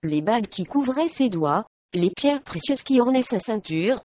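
A woman reading a historical story aloud in steady audiobook narration, in a slightly dull recording. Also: fairly high pitch, normal speed, no echo.

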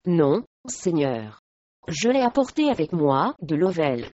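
A woman reading the part of a young noble wife who answers calmly and firmly, in a slightly dull recording. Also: low voice, slow pace, no room sound, pitched below the performer's own voice, heavily acted. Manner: gentle but firm.

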